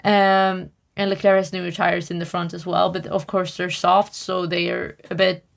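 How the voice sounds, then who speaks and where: A woman's voice: lowish voice, little pitch movement, normal speed, vocal fry. A young woman co-hosting a casual podcast, chatty and wry, full of fillers and restarts. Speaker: podcast co-host. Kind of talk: casual chat.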